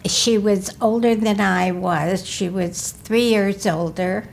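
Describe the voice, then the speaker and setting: A woman in her eighties from Wisconsin, recalling her life in a slow, careful, measured way during an interview. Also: medium pitch, steady tone, creaky, a little hiss or hum. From Milwaukee, Wisconsin. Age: 80s. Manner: slow, careful, measured recollection, often asking to repeat. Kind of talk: recorded life-story interview.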